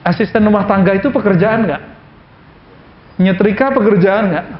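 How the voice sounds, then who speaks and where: A man with a fairly high voice preaches in a relaxed, chatty way. He drops in Arabic quotations, explains each one, and keeps asking rhetorical questions. The sound is echoey and a little dull and lo-fi. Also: moderate pace. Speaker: Islamic preacher. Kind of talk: casual conversational sermon.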